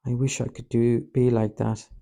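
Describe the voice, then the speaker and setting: A man's voice: mid-range voice, flat delivery, moderate pace, vocal fry, natural voice. A man reading an audiobook, voicing Peter, a fiery and protective male disciple who snaps in anger. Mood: remorseful. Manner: forceful, angry, then remorseful.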